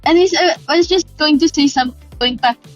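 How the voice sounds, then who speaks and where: A woman in a casual reading group chat, talking fast with clipped, cut-off words while her call audio glitches and breaks up. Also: sits high, faint music behind. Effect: glitchy call audio that keeps breaking up. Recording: dull, lo-fi call line, distant from the mic.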